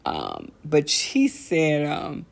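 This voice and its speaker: With a low, creaky voice and drawn-out words, this middle-aged American talk show host tells stories in a casual comedic rant. Her delivery is blunt, lively, and slangy, and she repeats phrases to drive points home.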